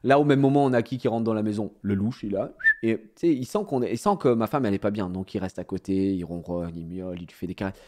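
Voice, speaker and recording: A man telling a story casually to his viewers, in an animated, slangy way, often laughing at himself. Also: on the low side, quick pace. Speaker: streamer.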